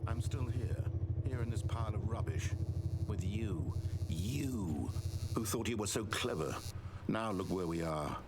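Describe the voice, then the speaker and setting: A man's voice: lively intonation, a little slow, very noisy. An actor playing a controlling male video game narrator, proud of his story, with precise, theatrical delivery. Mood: bitter. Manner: precise, theatrical delivery with wild swings in pitch. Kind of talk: scripted video game voice acting.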